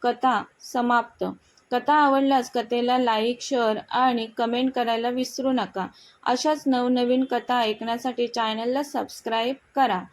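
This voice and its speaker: A woman's voice: fairly high pitch, little pitch movement, a little slow. A woman narrating a short romantic story as a storyteller, reading it aloud steadily.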